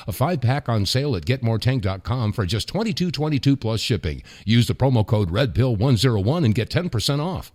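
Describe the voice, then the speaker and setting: Smooth-talking male radio host. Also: medium pitch, darkish tone. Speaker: radio talk show host. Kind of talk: live host-read radio ad.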